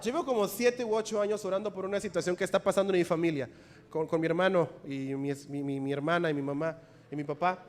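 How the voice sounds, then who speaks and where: A man preaches a sermon in a fairly high voice. He moves between quiet, prayerful passages and loud, forceful exhortation, and often pauses so the congregation can repeat his phrases. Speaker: pastor.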